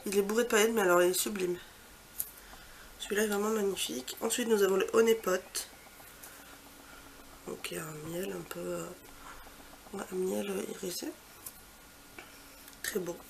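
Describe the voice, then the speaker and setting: A woman beauty vlogger talks through a swatch walkthrough with a gravelly, creaky edge to her mid-pitched voice. She heaps on the superlatives, then drops into soft, murmured asides. A faint hum of background noise sits under her. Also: fairly even intonation, moderate pace, pauses often. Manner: chatty, trails off into soft quiet asides; gushing, repeats superlatives. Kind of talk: casual product swatch walkthrough.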